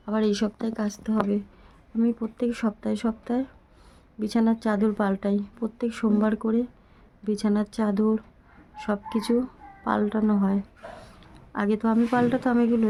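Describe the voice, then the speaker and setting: Soft, slow-speaking unwell woman. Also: mid-range voice, slight background noise, low-quality recording. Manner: slow, soft-spoken and heartfelt. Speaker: vlogger. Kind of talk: casual talk to camera. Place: small room at home.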